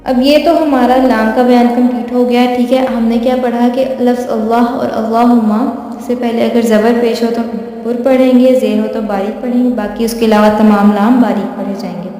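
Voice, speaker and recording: A woman teaching a lesson patiently. She repeats each point, checks in with the listener, and slows down to draw out recited examples. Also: on the high side, steady tone, warm tone, faint music behind. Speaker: tajweed teacher. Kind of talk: explanatory lesson. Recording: echoey room with long reverb.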